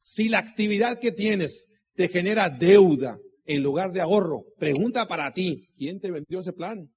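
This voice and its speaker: At a business meeting, a middle-aged motivational speaker addresses the audience in a high, animated voice at a moderate pace. Preachy and fond of rhetorical questions, he keeps repeating key points and mixes in stories from his own life.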